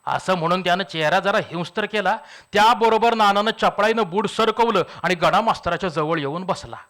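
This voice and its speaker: Man telling a comic story, higher voice. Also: fairly quick. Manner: lively character voices and chuckles. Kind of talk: humorous story reading at a literary event. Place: public literary event.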